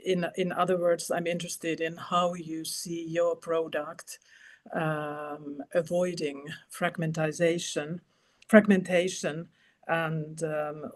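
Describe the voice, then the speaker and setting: A woman on an expert panel asking a startup founder a question over a video call, careful and full of pauses. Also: sits low. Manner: careful, many pauses and fillers.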